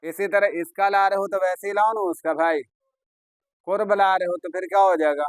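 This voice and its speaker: A man teaches an Urdu vocabulary class in a chatty, coaxing way, often praising his students. His voice sits fairly high for a man. The recording is dry and close, with no room echo. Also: steady tone, a little fast. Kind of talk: classroom lesson.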